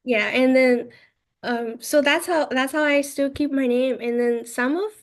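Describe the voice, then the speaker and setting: A woman in her twenties who grew up in China speaks English as a second language, in a fairly high voice. She tells her story in casual, halting phrases, leaning on "like" and "I was like" to quote herself. She is a podcast guest in a relaxed interview. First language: Mandarin. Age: 20s.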